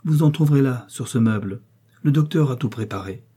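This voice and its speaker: Haughty prince read by a man, cold and sarcastic, dark husky tone, audiobook. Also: medium pitch, brisk, natural voice. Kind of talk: audiobook character reading.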